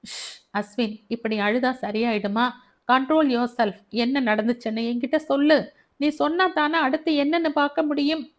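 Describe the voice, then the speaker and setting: A woman's voice: high voice, fairly even intonation, unhurried, voice pushed up. A woman voicing a protective older brother who comforts his younger sibling and questions him urgently. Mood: soothing. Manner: soothing, then shocked.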